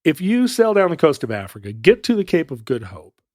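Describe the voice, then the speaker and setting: A man's voice: a little high, huge pitch swings, brisk, darkish tone, no room sound, clean studio sound. Man telling a history story casually. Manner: storytelling, playful asides. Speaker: podcast co-host.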